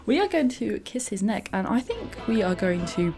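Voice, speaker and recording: A woman commenting on a game she is playing, gushing and giggly with excitement. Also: medium pitch, moderate pace, music in the background. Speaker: gaming YouTuber. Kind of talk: let's play commentary.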